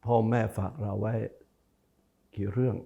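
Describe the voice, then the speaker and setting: A man's voice: fairly low pitch, level tone, unhurried, vocal fry, phone-quality sound. A man who is a Buddhist monk, giving a televised dharma talk, stressing and repeating key phrases and speaking straight to the viewers. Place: broadcast studio.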